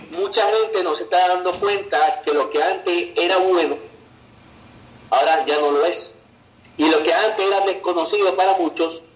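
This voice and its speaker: Persuasive man in an echoey room. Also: a little high. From Venezuela. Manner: persuasive, tags sentences with "ok" and "verdad". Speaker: business presenter. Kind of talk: online business presentation.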